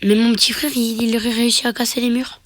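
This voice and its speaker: Sniffling from a cold, this man rattles off fast commentary on his own match into his phone's mic. His very high-pitched voice is fairly bright but flat in delivery, and he mutters half-whispered asides and playful brags.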